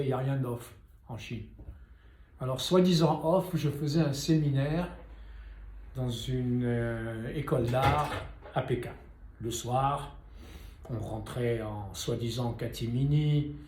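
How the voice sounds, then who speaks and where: An older man, a painter and sculptor, tells a story to camera for his viewers in a warm, mellow, mid-range voice. His loose, chatty style is full of wry asides and direct questions, and the room gives his voice an echo.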